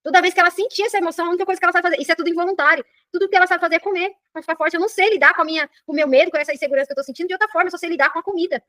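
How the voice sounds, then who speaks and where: A high-voiced Brazilian personal development coach talks rapidly during a live online class, animated and repeatedly asking "entendeu?". She has a Brazilian Portuguese accent, and there's no room sound.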